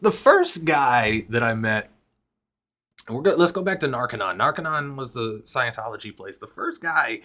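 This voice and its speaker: Young man, casual talk to camera, swears a lot, rambles and restarts, pitch swings widely. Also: a bit bright. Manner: profane, rambling, self-interrupting. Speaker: vlogger and rapper. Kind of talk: casual personal storytelling to camera.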